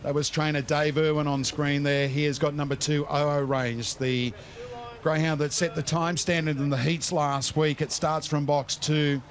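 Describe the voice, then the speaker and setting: Man, Australian accent, moderately high voice, racing host, betting tipster preview. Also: little pitch movement, moderate pace, slight background noise.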